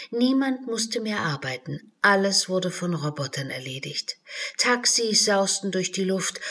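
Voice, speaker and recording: A woman reading a children's storybook aloud, slow and measured, dropping to whispers at times. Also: fairly low pitch, fairly bright tone, husky. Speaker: narrator.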